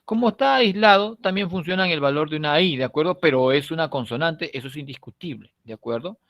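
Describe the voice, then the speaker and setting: A Peruvian man with a somewhat high voice gives a recorded lesson, explaining patiently and checking in after nearly every point. He draws out key words and lets his phrases fade at the end. The sound is dry and close. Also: no echo. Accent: Peruvian Spanish. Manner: explanatory, checks in with frequent tag questions; stretches key words slowly, trails off softly at phrase ends. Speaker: teacher. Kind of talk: recorded online class lecture.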